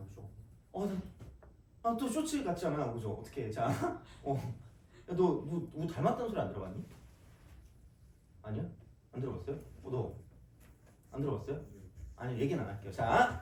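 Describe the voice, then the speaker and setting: A male math teacher giving a casual, joking lecture to his students, with quick asides. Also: sits high, a little mellow, a little hiss or hum. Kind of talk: recorded classroom math lecture. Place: classroom. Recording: echoey classroom, mic at a distance.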